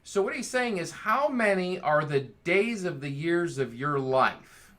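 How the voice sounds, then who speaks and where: A man's voice: on the high side, lively intonation, unhurried, a bit bright. A man leading a casual Bible study, reading scripture aloud with enthusiasm and joking along the way.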